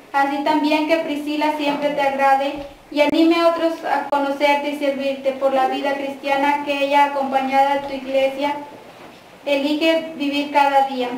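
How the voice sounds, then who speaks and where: Mexican woman, prayer leader at a mass; steady liturgical recitation, very reverberant distant church sound. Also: high-pitched. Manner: measured, even recitation leading responses. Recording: echoey church from far off, faint noise.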